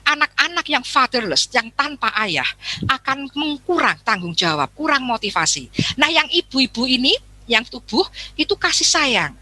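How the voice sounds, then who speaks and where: A woman's voice: high voice, sing-song, normal speed, bright, forceful tone, no room sound. A woman with a Javanese accent giving a chatty seminar talk, addressing her audience often and acting out little dialogues. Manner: acts out quoted dialogue.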